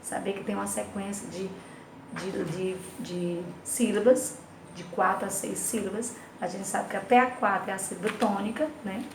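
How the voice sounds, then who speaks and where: A woman's voice: medium pitch, steady tone, normal speed, gravelly. Brazilian woman teacher, echoey noisy room. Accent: Brazilian Portuguese. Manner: sings nursery rhymes between explanations, checks in with "né, gente?". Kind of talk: recorded remote class lesson.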